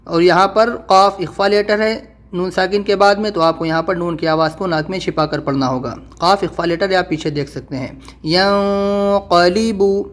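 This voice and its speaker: A man teaches Quran reading in a recorded lesson. His voice sits high. He talks fast when he explains and slows right down to sound out each syllable. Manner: quick explanations, slow drawn-out syllable-by-syllable spelling.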